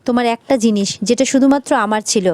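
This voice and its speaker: A woman recaps a TV serial at a brisk clip, reading the characters' lines aloud. Her voice sits a little high and jumps higher for quoted lines. The recording is dry and close, with no room sound. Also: darkish tone, dry recording. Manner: rapid retelling, briefly shifts pitch for quoted characters. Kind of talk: fast casual episode recap, reading out dialogue.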